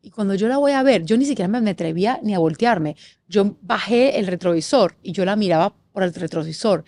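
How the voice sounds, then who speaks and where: A middle-aged woman from Panama, a guest in an interview, telling a personal story with expressive, animated delivery and quick lists. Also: medium pitch, no echo. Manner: expressive, animated, lists things in rapid series.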